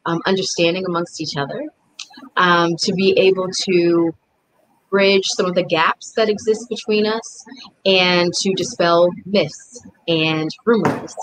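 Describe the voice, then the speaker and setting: A woman's voice: lowish voice, fairly even intonation, unhurried, slight background noise, poor audio. Friendly middle-aged woman host. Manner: friendly, laughs easily. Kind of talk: online interview.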